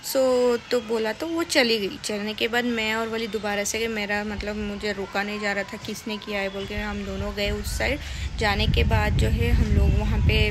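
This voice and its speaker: A young woman, talking to her camera in a hesitant, upset way, many fillers and restarts. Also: mid-range voice. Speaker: vlogger. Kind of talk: casual vlog talk to camera.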